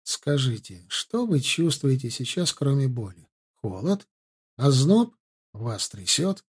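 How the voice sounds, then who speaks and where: A male audiobook reader voicing a cruel man who savors a young woman's death, drawing out his words slowly and softly. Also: medium pitch, very animated, breathy edge, exaggerated voice. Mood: cold, mocking. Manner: slow, savoring, sinister. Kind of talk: audiobook character reading.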